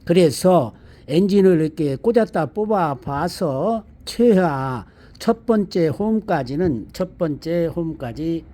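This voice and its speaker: A man giving an unscripted hands-on car maintenance demonstration, explaining step by step in a halting, repetitive way. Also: fairly high pitch, animated, dark tone. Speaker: presenter of a car maintenance how-to video. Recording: amateur recording with background ambient noise.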